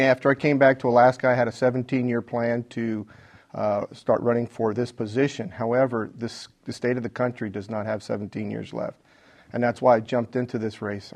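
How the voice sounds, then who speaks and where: A middle-aged man speaking as a political candidate in a debate, plain-spoken and blunt, with halting phrasing. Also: medium pitch, darkish tone. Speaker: congressional candidate. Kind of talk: unscripted debate statement.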